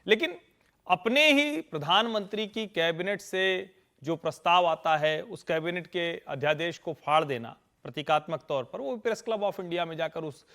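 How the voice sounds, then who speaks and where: A man speaking as a political commentator on a TV panel, forceful and lecturing. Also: sits high. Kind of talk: TV panel debate.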